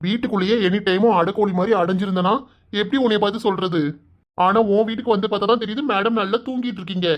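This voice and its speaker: Cartoon role: a teasing, soft-spoken young village man with a Kanyakumari Tamil accent, a woman doing the voice. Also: medium pitch, fairly even intonation, natural voice. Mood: reassuring. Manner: teasing and coaxing, soft and drawn-out. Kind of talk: cartoon voice acting.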